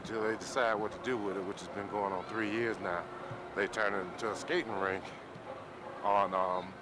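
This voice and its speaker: A man's voice: fairly low pitch, steady tone, moderate pace, background noise. A man filming an old home video on a city street in winter, rambling casually with lots of hesitations as he points the camera around. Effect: old home camcorder tape sound. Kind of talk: casual narration while filming. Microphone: camcorder built-in mic.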